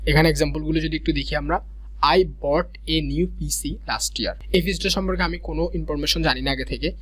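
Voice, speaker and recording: A young man teaching a grammar lesson, explaining step by step and reading English examples slowly. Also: fairly high pitch, steady tone. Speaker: grammar tutor.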